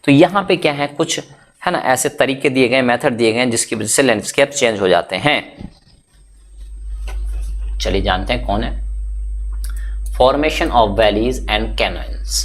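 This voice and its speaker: A man teaching a textbook chapter at a medium pitch. He reads each English line slowly and carefully, then switches to quick, conversational Hindi to explain it, often checking whether the listener is following. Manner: chatty teaching with frequent "bhai" and check-ins.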